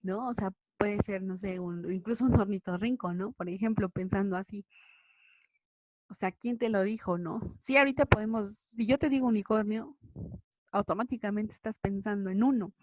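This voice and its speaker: A woman's voice: medium pitch, moderate pace, darkish tone. A woman teacher with a Mexican accent giving an online class, talking casually with many tag questions. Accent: Mexican Spanish. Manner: conversational, frequent tag questions.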